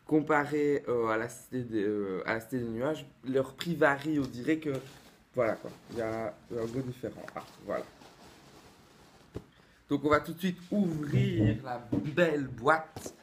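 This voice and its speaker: A man's voice: medium pitch, normal speed. A man with an everyday mid-range voice chats to the camera while opening a collectible box. He talks casually and hesitantly, often restarting his sentences. A faint background hiss sits under his voice. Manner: chatty and hesitant, many fillers and restarts. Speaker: collector unboxing a replica wand. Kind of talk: casual unboxing vlog. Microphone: camera mic, close-up.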